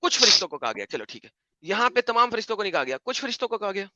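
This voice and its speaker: Sharp, bright-voiced mocking debater man. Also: high-pitched, very animated, no room sound, dull audio. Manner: mocking, insistent, repeats his questions. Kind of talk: heated online debate.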